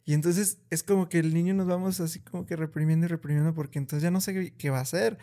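A man with a mellow, slightly high voice, talking slowly and thoughtfully in a relaxed conversation. He pauses often on fillers and suddenly lifts his voice to mimic a strict parent. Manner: acts out scolding parents in raised voice; slow and deliberate, many fillers. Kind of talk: reflective casual conversation.

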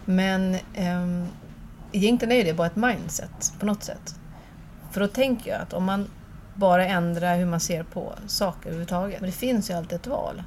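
Hesitant low-pitched woman thinking aloud. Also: fairly even intonation, darkish tone, slight background noise. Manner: hesitant, searching for words. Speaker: conversation partner. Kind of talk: reflective conversation.

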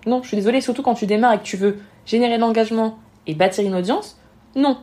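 A woman's voice: on the high side, dark tone. A woman, a podcast guest giving frank advice on social media in an emphatic way, often acting out other people's thoughts. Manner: rapid, emphatic, frank, acts out quoted thoughts. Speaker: guest, Instagram marketing expert.

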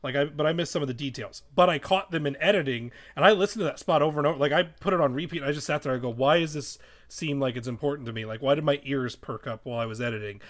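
A man chatting excitedly on a tabletop game podcast, swearing freely and retelling conversations. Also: a little high, quick pace. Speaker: podcast editor and player. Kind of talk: casual tabletop podcast chat.

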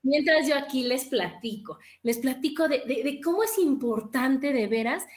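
High, enthusiastic woman host. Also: animated, moderate pace. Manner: enthusiastic, encouraging. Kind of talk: casual chat.

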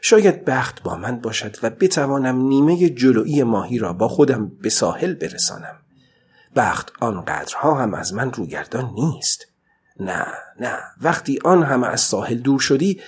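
For an audiobook, a man voices an exhausted, stubborn old fisherman alone at sea. His mid-range voice is very animated with a breathy edge, as the character talks to himself in weary murmurs that give way to defiant outbursts.

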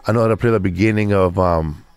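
A man's voice: low-pitched, fast, vocal fry, a little mellow, clean tone. A man in his fifties from Mexico, telling stories in a casual chat with lots of restarts and acted-out quotes. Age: 50s. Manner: rambling storyteller, restarts, acts out quotes.

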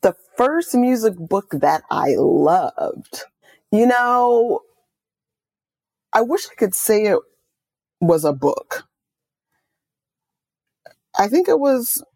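Her voice is on the low side and there's no echo. She's a middle-aged woman from Oakland, California, an author and music journalist, animatedly telling stories with quoted asides and plenty of enthusiasm in a conversational interview.

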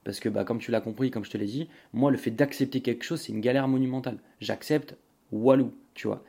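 A man's voice: mid-range voice, brisk, gravelly, dark tone. Young man rambling on a podcast. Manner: rambling, many fillers and restarts, addresses the listener directly. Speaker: podcast host. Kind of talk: casual solo podcast chat.

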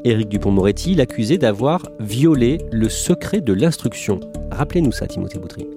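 A man presenting a news report, reading measured scripted narration and asking a reporter questions. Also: mid-range voice, expressive, music in the background.

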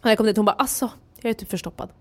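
A woman co-hosting a casual podcast, telling stories and acting out what others said. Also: breathy edge. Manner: animated storyteller, acts out quotes in a high squeal. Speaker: podcast co-host. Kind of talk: casual chat.

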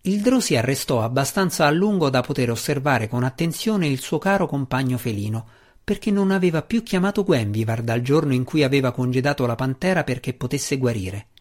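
A man narrating a fantasy audiobook in a steady, measured voice at a middle pitch. The reading is scripted and even-paced.

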